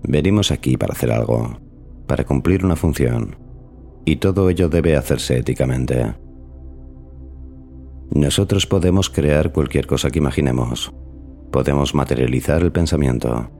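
A man hosting a podcast in measured, formal, scripted narration. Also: extremely low pitch, creaky, darkish tone, faint music behind. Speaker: podcast host.

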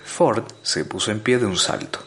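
A man reading a novel aloud as narrator, measured and dry. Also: fairly low pitch, a bit bright, slight background noise. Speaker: audiobook narrator. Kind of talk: scripted narration.

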